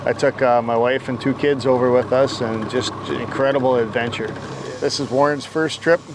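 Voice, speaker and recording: A man chats casually in an Upper Michigan Yooper accent. He is recorded outdoors on a boat, with clear engine noise around his mid-pitched voice. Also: fairly even intonation, moderate pace. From Upper Peninsula of Michigan, United States. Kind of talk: casual chat.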